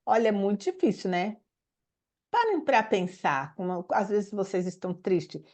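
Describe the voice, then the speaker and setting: A Brazilian woman teacher speaking straight to her listeners in an informal talk. She asks one rhetorical question after another, often closing with a quick "né?", and laughs now and then as she goes on. Her voice sits at an ordinary middle pitch. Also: expressive, darkish tone. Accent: Brazilian Portuguese. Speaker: teacher and systemic pedagogy mentor.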